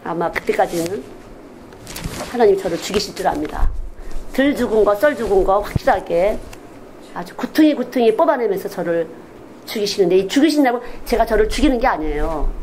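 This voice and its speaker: A woman's voice: mid-range voice, brisk, a little hiss or hum, poor audio. A woman missionary preaching a Sunday sermon in a candid, confessional way, often acting out quoted speech. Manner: animated, acts out quoted speech in different voices.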